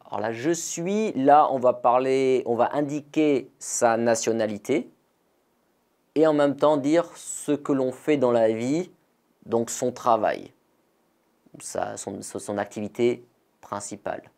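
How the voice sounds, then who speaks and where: A man from France teaching a beginner French lesson, slowly and carefully repeating model phrases for learners. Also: mid-range voice, vocal fry, darkish tone.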